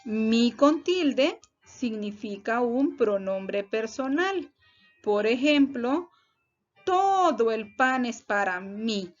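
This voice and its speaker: A woman's voice: a little high, animated, very slow. A woman teacher, giving a recorded spelling lesson to students with careful, example-led explanations. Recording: dull lo-fi recording with faint music.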